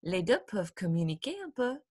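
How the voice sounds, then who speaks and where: A woman teacher reading a graded storybook aloud for her class, slowly, clearly and expressively. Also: medium pitch, very animated.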